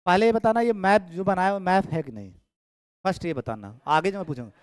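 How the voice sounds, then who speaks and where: एक पुरुष गणित शिक्षक कक्षा में पढ़ा रहे हैं, बातें दोहराते हुए और छात्रों की कॉपियाँ जाँचते हुए।. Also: male voice, high-pitched, a little fast, clear, resonant tone, no echo. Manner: chatty, repeats phrases, checks students' work aloud. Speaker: maths teacher. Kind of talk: classroom lecture. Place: classroom. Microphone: camera in room.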